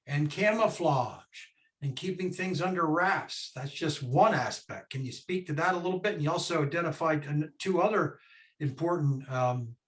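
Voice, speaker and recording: A man hosting a conversation over a video call, speaking in a measured way with frequent "uh" and "um". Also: a little high, a bit bright. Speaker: host. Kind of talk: hosted conversation.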